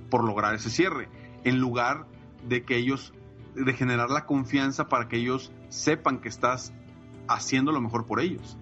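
A man's voice: mid-range voice, a bit bright, muffled recording. A man, a coach and podcaster, talking emphatically and enthusiastically in a casual podcast chat. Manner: enthusiastic, emphatic, frequent fillers like "eh" and "pues".

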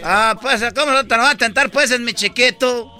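A man's voice: very high-pitched, a little fast, sharp tone, faint music behind. A man doing a rambling comedy sketch, slangy and full of fillers.

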